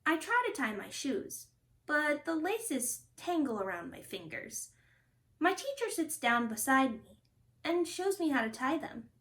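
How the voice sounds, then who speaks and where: A woman reads a picture book aloud to children like a storytime host, phrasing each line expressively and deliberately. Her voice is high and swings through very lively melodies.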